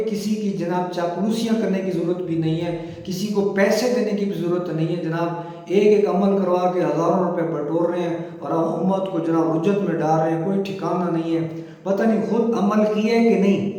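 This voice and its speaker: A man delivers an exhortative devotional sermon, pressing his listeners with rhetorical questions. His voice sits high for a man. The recording rings with a strong echo and a long reverb tail. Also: dark tone. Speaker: religious preacher. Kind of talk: devotional sermon to video viewers. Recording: echoey room with long reverb.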